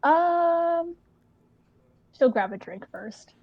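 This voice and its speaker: A woman's voice: extremely high pitch, expressive, drawn-out words, no echo, dull audio. A woman playing a tabletop game, hesitant and starting with ums. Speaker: player. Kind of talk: casual tabletop play.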